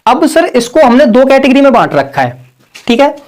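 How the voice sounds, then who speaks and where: During an online grammar class, this very high-pitched, very animated man speaks at a moderate pace with a darkish tone. He exaggerates the pronunciation of the words he's correcting, drills lines repeatedly, restates each point, and calls his audience "sir" and "brother."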